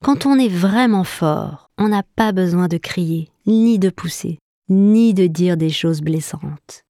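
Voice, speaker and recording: A woman doing a wise, calm pet fish. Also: on the low side, slow pace, no room sound, clean studio sound.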